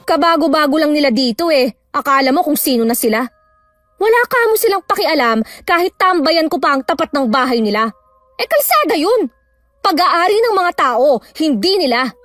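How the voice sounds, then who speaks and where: An actress playing a gossipy, resentful wife who complains and argues defensively. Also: female voice, high voice, lively intonation, moderate pace, fairly bright tone, no echo. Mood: bickering.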